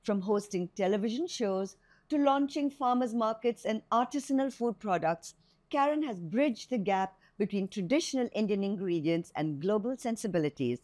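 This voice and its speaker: A woman host who opens with a measured, scripted introduction and then asks her guest questions. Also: mid-range voice, animated, darkish tone. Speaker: podcast host. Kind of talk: interview hosting.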